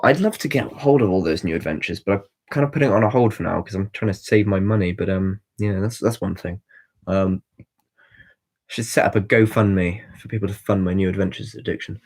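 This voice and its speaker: A man's voice: deep voice, darkish tone. A young man in his twenties hosting a casual livestream, rambling and chatty as he answers viewer comments with lots of ums and restarts. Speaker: livestream host.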